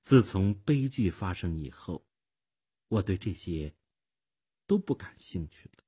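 A man reading the lines of a wealthy, lonely widowed woman in a husky voice, slow and wistful in a radio storybook. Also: sits low, sing-song, a little mellow, exaggerated voice. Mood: weary.

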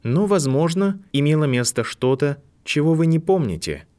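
A man reading an audiobook, voicing a composed older woman professor who speaks softly and sympathetically. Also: a little high, expressive, voice pushed up, close to an everyday voice. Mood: gentle. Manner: soft, sympathetic, measured. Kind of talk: audiobook narration.

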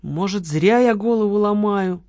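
A woman voicing a nervous, grumbling man in an audiobook, quick to lose his temper. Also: medium pitch, dark tone, no room sound, clean studio sound, lightly acted. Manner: grumbling, easily exasperated. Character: nervous, grumbling male con-man partner.

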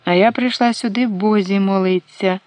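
Tiny reedy dwarf lady voice, narrator doing it, feeble and slow, raised pitch, dry sound. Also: steady tone, darkish tone, no room sound, close to an everyday voice. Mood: plaintive. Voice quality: thin, faint, reedy. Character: feeble thin-voiced dwarf woman, sly.

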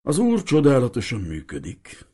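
A man voicing an earnest, troubled village pastor calling out over loud water. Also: medium pitch, huge pitch swings, breathy edge, voice pushed up.

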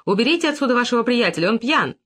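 Man playing a high shrill young woman, furious, lively range, audiobook. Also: racing. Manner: shrill, shouting.

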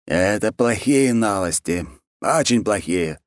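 A man's voice: fairly low pitch, lively intonation, slow, dry recording, studio quality, voice pushed up. Bloated capricious ruler, lazy and petulant, barks orders; male reader putting him on. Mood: peevish. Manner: lazy, peevish, bossy. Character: fat lazy cruel male khan, pompous and capricious.

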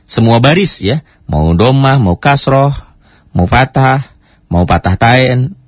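A man teaching Quran recitation, chatting casually and breaking into slow chanted demonstrations. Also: mid-range voice, animated, dry recording. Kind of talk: tajwid lesson with recited demonstrations. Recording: dry, dull lo-fi radio recording.

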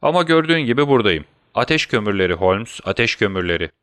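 A man's voice: on the low side, big pitch swings, fast, a bit bright, no room sound, clean studio sound. A man voicing a sly, gloating doctor villain in an audiobook, mocking and taunting his victim. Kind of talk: audiobook character voice.

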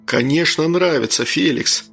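A man's voice: a little high, unhurried, creaky, a bit bright, soft background music, full character voice. A man reading an audiobook, voicing a cheerful, joking young father. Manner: upbeat, joking. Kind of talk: audiobook character voice.

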